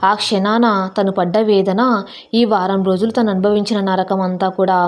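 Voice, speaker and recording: A woman reads a scripted story with emotive, dramatic delivery. Her voice sits at a middle pitch for a woman. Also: flat delivery, moderate pace, darkish tone. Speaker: narrator.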